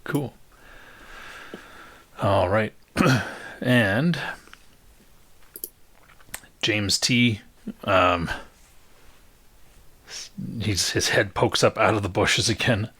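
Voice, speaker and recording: Man, game master, low voice, patient explanations, lots of pauses and fillers. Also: fairly bright tone, breathy edge, no room sound. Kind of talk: narrating a tabletop game.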